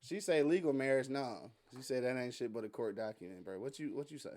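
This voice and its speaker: A man's voice: mid-range voice, fairly quick, a little mellow. A man hosting a live radio podcast, laid-back and joking with his co-hosts. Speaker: podcast host. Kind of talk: casual live radio show chat. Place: studio.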